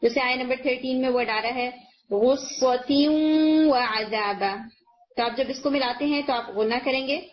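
A woman teacher giving a recorded lesson on recitation rules, explaining patiently step by step and slowing down to demonstrate each sound. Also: high voice, level tone. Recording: muffled lo-fi recording.

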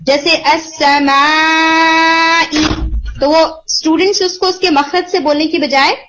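High-voiced woman teaching pronunciation, muffled. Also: slight background noise. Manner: patient, explains slowly and demonstrates sounds. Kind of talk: online lesson, Hindi-Urdu mixed with English. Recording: dull, muffled lo-fi audio.

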